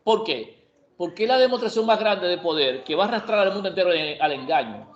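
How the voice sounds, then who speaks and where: A man teaching Bible prophecy in an emphatic way, often asking a question and then answering it himself. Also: high voice. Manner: emphatic, asks and answers his own questions. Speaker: preacher. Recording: echoey room, dull lo-fi sound.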